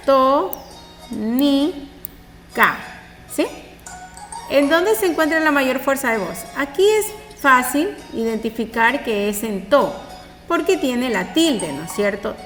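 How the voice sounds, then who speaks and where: A woman teaching a primary school class in a recorded online lesson. She is patient, keeps checking understanding with short tag questions, and stresses syllables loudly to demonstrate them. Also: on the high side, big-room sound.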